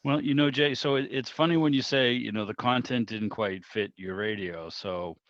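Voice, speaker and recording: On a video call, a middle-aged man from the Boston area, United States, reminisces chattily and rambles, sprinkling in "you know." His medium-pitched voice is a bit bright at normal speed. The call mic gives dry, dull audio.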